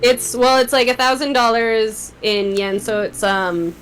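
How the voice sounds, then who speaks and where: A woman's voice: on the high side, unhurried, a bit bright, a little hiss or hum. A young woman, a podcast guest chatting casually, rambling with lots of "like" and frequent laughs. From Canada. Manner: rambling, laughs often, fillers like "like". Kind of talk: casual chat.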